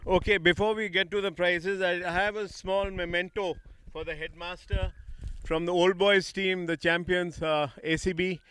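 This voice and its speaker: High-voiced man hosting informally. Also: flat delivery, normal speed, fairly bright tone, clear, resonant tone. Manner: casual, interjecting. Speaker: event host. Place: outdoor school playing field.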